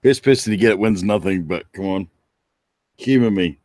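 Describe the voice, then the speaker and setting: A low, darkish voice at a normal speed belongs to a laid-back New Zealand livestream host who teases his viewers and chats with them by name. The recording is studio quality with no room sound.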